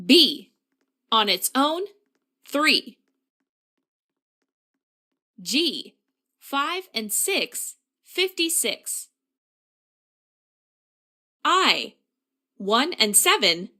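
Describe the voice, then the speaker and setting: A woman working as a bingo caller, announcing numbers in set phrases with a deliberate, formulaic delivery. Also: fairly high pitch, very animated, pushed and bright.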